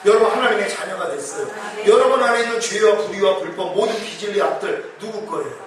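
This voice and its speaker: A man's voice: high voice, quick pace, crowd noise. A male pastor preaching an emphatic revival sermon, acting out quoted prayers. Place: church hall. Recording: very echoey hall, distant mic.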